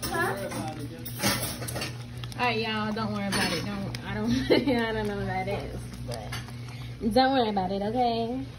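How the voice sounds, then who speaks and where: A young woman chatting casually in a home vlog, relaxed and rambling with fillers, filmed on a phone held at arm's length. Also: mid-range voice, measured pace, long pauses. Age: young adult. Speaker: vlogger. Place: home, kitchen and bedroom indoors.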